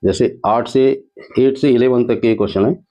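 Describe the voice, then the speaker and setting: A male teacher walking through an exam paper step by step, reading the English sentences out slowly. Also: mid-range voice, dark tone. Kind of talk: exam paper walkthrough lesson. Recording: dull lo-fi sound.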